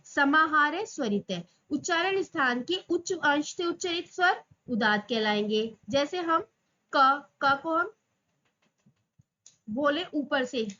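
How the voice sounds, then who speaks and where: A woman with a high, bright voice teaches an exam-prep class. She poses questions and answers them herself, stretching out the example sounds. The recording is slightly dull and lo-fi. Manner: drawls example sounds slowly.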